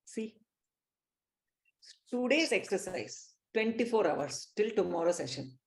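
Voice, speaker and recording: Slow, emphatic Indian-accented woman teacher. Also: medium pitch, lively intonation. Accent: Indian English. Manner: slow, emphatic, teacherly, addresses listeners directly. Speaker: spiritual teacher. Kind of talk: live online spiritual class.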